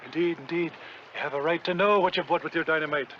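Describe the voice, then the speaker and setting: An actor playing an excitable, dreamy Irish prospector with a leprechaun-like lilt in a vintage TV western. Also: male voice, a little high, fast, slight background noise, natural voice. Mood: confident, courteous. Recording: dull vintage TV soundtrack with music.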